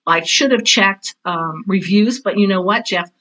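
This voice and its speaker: The theater teacher and author, a middle-aged or older woman, speaks at a measured pace in a bright, mid-range voice with a forceful tone. Appearing as an interview guest, she tells personal stories casually, candidly and emphatically, repeating phrases for stress, on a rough recording.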